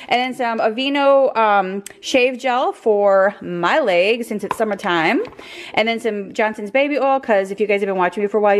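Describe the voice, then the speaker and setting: A woman in her thirties chatting casually through a haul video in her home kitchen, upbeat and full of ums. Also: mid-range voice. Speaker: vlogger.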